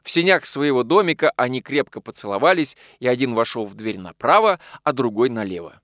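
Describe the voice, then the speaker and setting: A man narrating an audiobook with expressive storytelling. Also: mid-range voice, brisk, dry recording, clean studio sound. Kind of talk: scripted narration.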